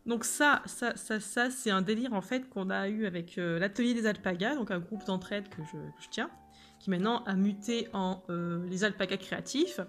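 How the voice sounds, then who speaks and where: Woman illustrator, casual sketchbook chat, giggly and hesitant, mid-pitched voice. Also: normal speed, soft background music. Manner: chatty, giggly, many hesitations. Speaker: illustrator showing her sketchbook. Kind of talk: casual sketchbook tour commentary.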